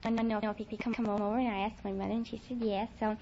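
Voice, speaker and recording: A young woman from New Orleans, a contestant on a 1940s radio quiz, chats earnestly and in detail. Her mid-range, dark voice is rapid-fire with little pitch movement, and the old recording is dull and noisy, with an audience audible.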